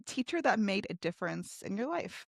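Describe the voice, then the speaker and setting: A woman's voice: mid-range voice, very animated, gravelly, no echo, clean studio sound. A woman hosting an interview, upbeat and affirming, chatting casually with her guest. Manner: upbeat, affirming, quick asides. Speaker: host.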